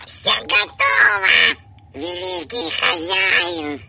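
A man squeaking as a whiny tiny mummy familiar. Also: big pitch swings, extremely slow, creaky, pushed and bright, recorded from a distance, heavily acted. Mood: fawning. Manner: squeaky, whining, capricious. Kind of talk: audiobook character voice.

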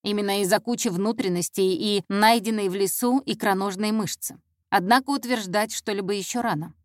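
A woman's voice: medium pitch, brisk, no echo, lightly acted. Woman voicing a curt, dry male investigator. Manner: dry, clipped, dismissive. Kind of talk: audiobook character voice.

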